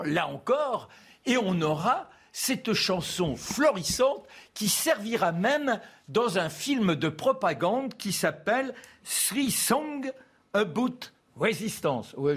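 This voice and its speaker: A man telling a history story as a columnist on a TV debate show, lively and anecdotal, acting out the quotes. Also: high-pitched, husky.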